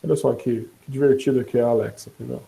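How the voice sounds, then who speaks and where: Chatty man with a mellow voice. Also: medium pitch, fast talker, creaky, rough recording. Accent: Brazilian Portuguese. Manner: relaxed, chatty, laughs and self-corrects. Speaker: instructor demonstrating a voice assistant. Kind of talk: casual online lesson.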